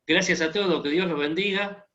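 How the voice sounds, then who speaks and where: Sitting high in pitch and talking a little fast, this man from Argentina has a somewhat bright voice and an Argentine Spanish accent. As a guest in an online chat, he keeps things casual and jokey, full of fillers, over a muffled recording.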